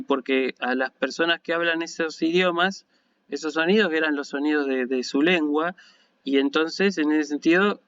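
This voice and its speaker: A man with an Argentine Spanish accent gives an online lecture in a patient, explanatory way, often checking in with his listeners. His voice sits fairly high for a man and sounds smooth and resonant. The recording is dull and lo-fi. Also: a bit bright, dry recording. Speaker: university lecturer in Ancient Greek.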